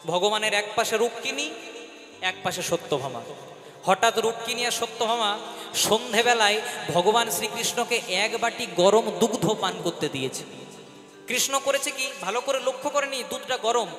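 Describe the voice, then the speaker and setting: Bright high-voiced man preaching in a hall. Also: normal speed. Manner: storytelling with rhetorical questions and chanted verses. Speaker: kirtan singer and preacher. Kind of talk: devotional kirtan storytelling sermon. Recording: reverberant hall with backing music.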